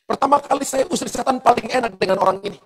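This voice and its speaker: A middle-aged male pastor preaching a sermon in church, telling a story with lively testimony and speaking straight to the congregation. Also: very high-pitched, very fast, noisy background. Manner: animated storytelling testimony, addressing the congregation directly.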